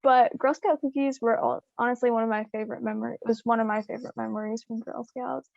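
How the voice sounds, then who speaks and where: Young woman, highish creaky voice, hesitant. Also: fairly even intonation, fast, darkish tone, no room sound, dull audio. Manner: hesitant, casual, frequent "like". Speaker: interviewer. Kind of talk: informal interview.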